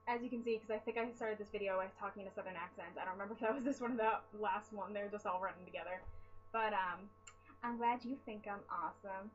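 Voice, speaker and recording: A woman's voice: medium pitch, fast, highs cut off, a little hiss or hum. A young woman chatting casually to camera while answering fan questions, rambling and self-deprecating, tired from lack of sleep. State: sleep-deprived. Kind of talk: casual chat.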